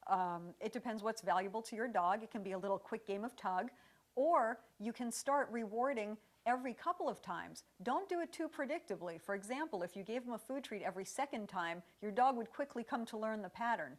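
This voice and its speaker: Woman, dog trainer, calm even voice, instructional. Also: on the high side, fairly quick. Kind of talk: instructional demonstration.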